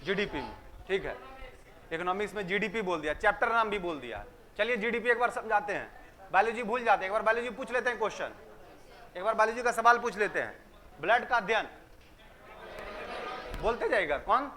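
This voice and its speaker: A male teacher tells jokes like a storyteller, fires questions at his students and repeats their answers back. His voice sits high and sounds pushed and bright, with lively intonation, a slightly fast pace and frequent pauses.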